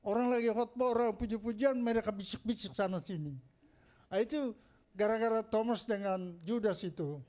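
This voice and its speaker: A man with a notably high voice preaches in church in a loose storytelling way. He jokes through his anecdotes and laughs often, keeping the sermon chatty and warm-humored. It sounds like a pastor talking straight to his congregation. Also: fairly quick.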